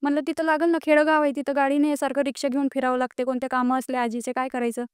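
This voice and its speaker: Earnest high-voiced young woman. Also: flat delivery, racing, no echo, studio quality. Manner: earnest, rising with indignation. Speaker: podcast guest. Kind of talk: emotional personal storytelling.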